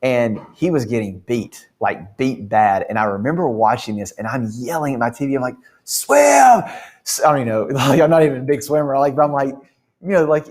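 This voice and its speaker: A man giving a faith-based motivational talk to his company, telling stories in an earnest, animated way with frequent restarts. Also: medium pitch.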